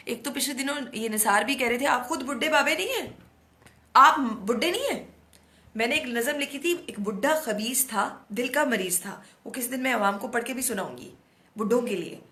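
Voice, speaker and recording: A middle-aged woman speaks in a somewhat high, hoarse voice, talking straight to her audience. She is outspoken and animated, and she slips English words into her sentences. The recording sounds echoey, as if made in a bare room without a proper microphone. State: hoarse throat. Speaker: host. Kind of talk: casual monologue to camera.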